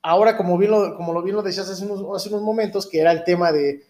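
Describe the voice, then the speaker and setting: A man's voice: high-pitched, fast, darkish tone. A Mexican man in his thirties hosting a casual podcast, rambling in street slang and often checking for agreement. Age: 30s. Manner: rambling, keeps seeking agreement with tag questions. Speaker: podcast host.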